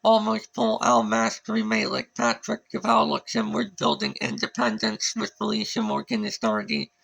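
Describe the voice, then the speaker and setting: A man speaks alone in a high voice, jumping from word to word in a disjointed monologue. His voice is heavily gravelly and husky. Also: monotone, normal speed, a bit bright, poor audio. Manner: disjointed, jumps between words and lists. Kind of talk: solo rambling monologue.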